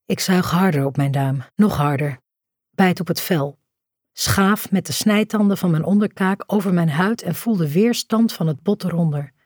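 A woman reads a novel as a first-person audiobook narration, in a slow, measured, hushed delivery. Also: fairly low pitch, no room sound, studio quality.

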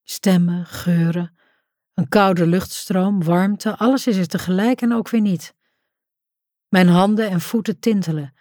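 A woman's voice: lowish voice, steady tone, unhurried, mellow, no echo, clean studio sound. A woman narrating a first-person audiobook in an intimate, tense storytelling manner.

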